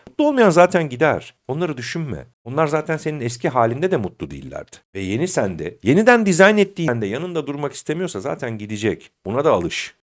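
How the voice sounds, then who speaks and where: A middle-aged man giving a motivational talk as a self-confidence coach, speaking directly to the listener like a friend. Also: lowish voice.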